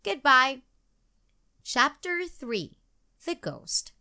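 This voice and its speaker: A woman reads a children's book aloud in a slow, unhurried way. Her voice swings widely in a sing-song lilt and sounds bright. She finishes with questions and prompts for young readers. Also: medium pitch, very animated. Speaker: storybook reader. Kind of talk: children's read-aloud narration.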